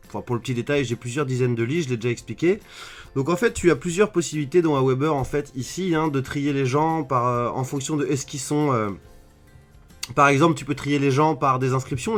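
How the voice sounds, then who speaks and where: A man giving a casual screen-share tutorial at his computer, talking straight to the viewer with plenty of fillers. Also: a little high. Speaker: online marketing trainer. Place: at his desk indoors. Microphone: computer webcam mic.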